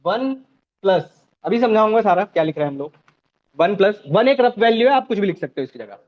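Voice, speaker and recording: High-voiced man teaching a class. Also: very animated, brisk, narrow, tinny audio. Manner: step-by-step, checks in with students. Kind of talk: live online class instruction.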